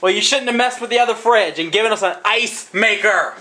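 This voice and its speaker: Young man, teasing prankster, high-pitched, casual and profane, clearly noisy handheld audio. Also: fairly quick, pushed and bright. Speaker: prankster filming. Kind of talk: casual home prank vlog. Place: inside a house at night. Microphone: handheld camera held by the speaker.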